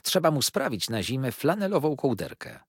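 A man's voice: mid-range voice, huge pitch swings, moderate pace, slightly rough, dry recording, clean studio sound, pitched above the performer's own voice, full character voice. Man doing a cheerful, soothing old aunt. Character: older aunt, brisk, cheerful, fondly reassuring.

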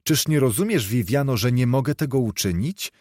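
A man's voice: medium pitch, animated, normal speed, a little mellow, dry recording, clean studio sound, close to an everyday voice. A man voicing a proud, earnest young knight who speaks in a declamatory way. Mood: indignant.

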